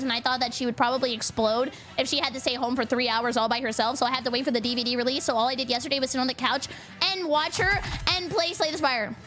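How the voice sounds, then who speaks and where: A woman streamer chatting casually with her viewers, giggly and excitable, laughing often and thanking donors. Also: high voice. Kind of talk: casual live-stream chat.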